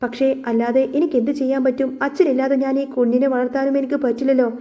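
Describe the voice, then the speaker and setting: A scheming young wife in a storybook retelling, put on by a woman narrator, given to feigned sobbing and weary sighs. The voice is high and mellow, darker in tone. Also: little pitch movement, fast, close to an everyday voice. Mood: fake tearful. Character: scheming young wife faking tearful distress.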